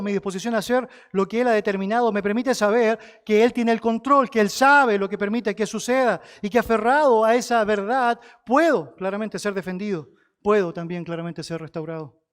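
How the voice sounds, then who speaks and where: A man preaching a sermon in a high voice. He pushes up sharply for emphasis and sinks low when he repeats key phrases, so each point gets stressed twice. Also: clear, resonant tone. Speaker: pastor.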